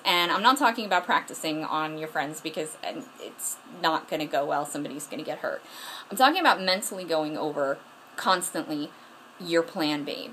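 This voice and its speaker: A woman's voice: sits low, a bit bright, a little hiss or hum, rough recording. A woman giving self-defense tips to her camera at home in a frank, earnest way, often restarting herself. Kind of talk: casual instructional talk to camera. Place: at home, moving around in front of the camera. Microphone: camera mic, distance changing as she moves.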